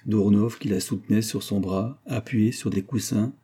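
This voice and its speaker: A man reading a classic novel aloud in measured, expressive scripted narration. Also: fairly low pitch, breathy edge. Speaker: audiobook reader.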